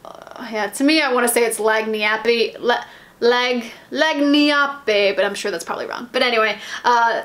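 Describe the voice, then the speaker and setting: Chatty American woman rambling about polish. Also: a little high. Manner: rambling, hesitant, lots of fillers and restarts. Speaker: nail polish vlogger. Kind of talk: casual haul chat.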